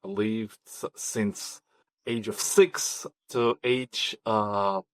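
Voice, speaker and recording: A man's voice: on the low side, steady tone, drawn-out words, clear, resonant tone, no room sound. Hesitant man from Kazakhstan. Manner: hesitant, many ums and restarts. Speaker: podcast guest. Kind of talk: conversational interview.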